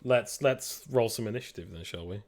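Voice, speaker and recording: A man's voice: fairly low pitch, fairly quick. Laid-back man running a tabletop game. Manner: casual, hesitant with many ums and likes. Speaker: game master.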